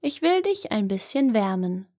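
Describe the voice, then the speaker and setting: A woman's voice: mid-range voice, very animated, normal speed, dark tone. A woman voicing a fearless, cocky young man in a fairy tale, speaking boldly and offhandedly. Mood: cheerful. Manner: bold, offhand and unimpressed.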